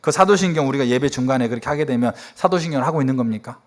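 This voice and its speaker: A middle-aged male pastor preaching a sermon in a church, telling stories and acting out quoted dialogue with sudden jumps in his voice. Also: rapid-fire. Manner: animated storytelling, acting out quoted dialogue with sharp pitch jumps. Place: church sanctuary.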